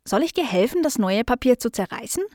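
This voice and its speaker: A woman playing a bright, eager young female dog for a storybook, voice lifted high, dry close sound. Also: sing-song, fairly quick, no room sound.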